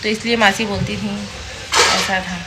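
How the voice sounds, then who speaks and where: A woman's voice: medium pitch, fairly even intonation, normal speed. A middle-aged woman chatting at home in a family vlog, homely and earnest, explaining things at length. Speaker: mother-in-law in a family vlog. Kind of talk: casual family chat. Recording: clear background noise.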